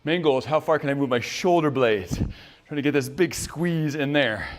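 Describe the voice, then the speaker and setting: A man's voice: fairly high pitch, lively intonation, normal speed. A male fitness trainer coaching a workout, out of breath and exhaling hard between moves, chatty and encouraging. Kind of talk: workout instruction.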